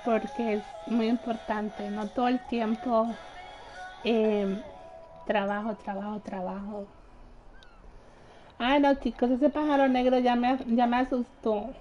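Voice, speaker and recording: Young woman gaming streamer, slow relaxed chat with a bit of a high voice, faint music under. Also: highs cut off. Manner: chatty, laughs often, reads out chat greetings. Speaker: gaming livestreamer. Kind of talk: casual live gameplay chat. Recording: faint game music behind.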